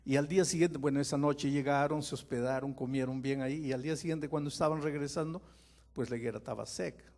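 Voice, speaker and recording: A man, a pastor, preaching a dramatic sermon, moving from quiet storytelling to loud impassioned pleading and putting questions straight to his listeners. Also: medium pitch, fairly even intonation, fast talker. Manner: speaks to listeners directly with questions.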